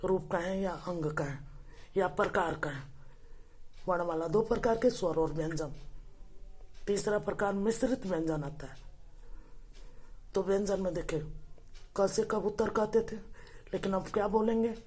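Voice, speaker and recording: Woman, alphabet teacher, husky voice, unhurried deliberate delivery, gentle correction of pronunciation. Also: mid-range voice. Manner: slow deliberate recitation of letters, correcting pronunciation; addresses viewers as dear friends. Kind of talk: children's alphabet lesson.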